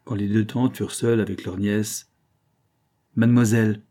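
A man narrating a classic novel for an audiobook in a measured, even reading. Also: fairly low pitch.

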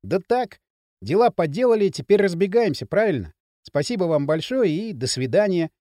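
A man's voice: sits high, big pitch swings, moderate pace, mellow, no room sound, studio quality. A male reader voicing a proud, awkward young village man who answers in blunt, short retorts. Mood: bitter.

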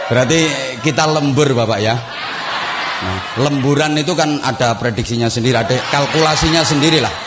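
Lively preacher, sound effects. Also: male voice, mid-range voice, normal speed, heavy background noise. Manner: animated, makes sound effects, rhetorical questions to the audience. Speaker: preacher at a public religious gathering. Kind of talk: humorous sermon to a crowd.

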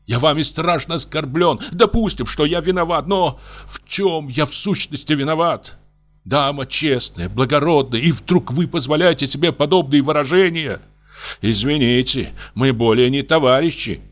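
A man doing a prim, fussy doctor, high-pitched. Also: expressive, moderate pace, a bit bright, soft background music. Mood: reproachful. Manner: pleading, prim and reproachful. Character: fussy, prim young male country doctor.

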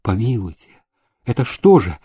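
A man voicing a humble, cautious old widowed father, speaking deferentially and slowly, in a storybook reading. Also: fairly low pitch, sing-song, warm tone, slightly rough, exaggerated voice. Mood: wary. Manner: deferential, slow and careful.

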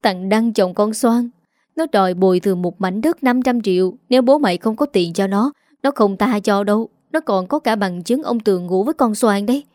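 A woman's voice: mid-range voice, moderate pace, darkish tone, dry recording, studio quality, natural voice. A woman voicing an aging village mother who is tearful and bitterly complaining.

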